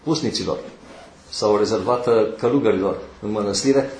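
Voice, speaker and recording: A man preaching a sermon, moving slowly through numbered points with pauses between phrases. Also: lowish voice, a little mellow, reverberant, slight background noise, poor audio.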